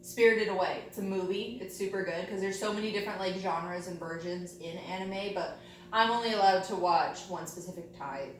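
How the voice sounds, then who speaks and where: A woman's voice: mid-range voice, brisk. A woman role-playing a chatty school student in a counseling session, talking informally in a teenage style. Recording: very echoey room with faint hum.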